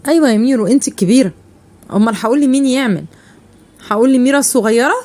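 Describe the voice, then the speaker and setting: A woman's voice: fairly high pitch, darkish tone, natural voice. A woman playing a bossy Egyptian mother. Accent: Egyptian Arabic. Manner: bossy, scolding, fast. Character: strict hard-working mother scolding her eldest daughter. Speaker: mother in a family skit.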